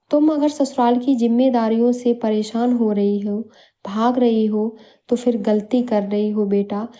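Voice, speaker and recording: Woman doing a caring storybook mother: mellow, coaxing, soft questions. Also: mid-range voice, muffled recording, close to an everyday voice. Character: caring middle-aged mother, gentle and coaxing.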